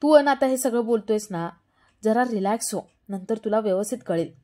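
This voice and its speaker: A calm older man talks softly and reassuringly to calm his worked-up friend, voiced by a woman narrator. His tone stays easy and patient, with a fairly high pitch. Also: a little fast, lightly acted. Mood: soothing. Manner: gentle, reassuring.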